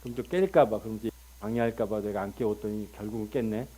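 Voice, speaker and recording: A middle-aged male pastor delivers a sermon, telling the story animatedly and acting out dialogue with sudden loud outbursts. His voice is lowish and he talks fast, with a slight hiss or hum in the recording.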